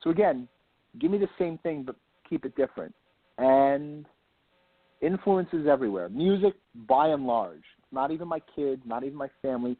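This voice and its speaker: The guest, an author, speaks in an animated, medium-pitched voice at a moderate pace, a little husky. He's enthusiastic and rambling in this casual interview, doubling up words for emphasis, and the line sounds lo-fi and phone-like with an echoey room.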